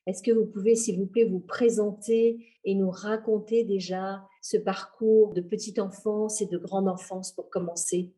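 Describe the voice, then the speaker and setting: A woman hosts an educational podcast with a mellow, warm tone. She asks her guest polite, formally phrased questions with occasional fillers. Her pitch sits in a middle range. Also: fairly even intonation, measured pace, hardly any pauses. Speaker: podcast host. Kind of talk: interview podcast.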